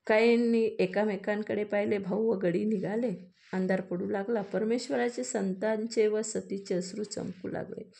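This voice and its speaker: A woman reading a classic storybook aloud in a measured way, pausing to explain old words. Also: mid-range voice, fairly even intonation, creaky, dark tone.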